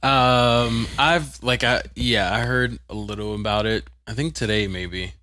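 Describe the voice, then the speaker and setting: Slow, halting male co-host. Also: mid-range voice, fairly even intonation, pushed and bright, dry recording, clean studio sound. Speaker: podcast co-host. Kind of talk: casual chat.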